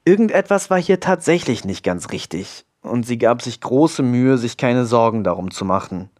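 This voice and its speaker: Male audiobook narrator, calm, steady storytelling, mid-pitched. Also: moderate pace. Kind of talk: audiobook reading.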